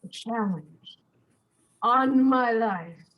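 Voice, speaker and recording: A woman's voice: on the high side, extremely slow, lo-fi sound. A woman playing a witty, mocking young nobleman, giving the verse a theatrical, teasing delivery. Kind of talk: Shakespeare stage reading.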